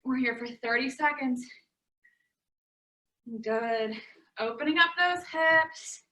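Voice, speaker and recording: Slow-paced yet sharp in tone, this young woman's high voice guides a home exercise class. She cheerfully counts down and coaches each move, slightly breathless, with room echo around her.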